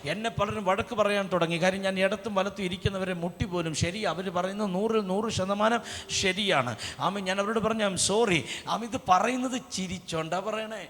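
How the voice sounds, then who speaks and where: A man preaches at a revival meeting, moving from storytelling into fervent shouting. His voice sits very high and cuts through sharply. The live recording carries a long, echoing reverb. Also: normal speed. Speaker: pastor. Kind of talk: Pentecostal revival sermon. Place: large outdoor revival meeting hall. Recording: reverberant live event sound.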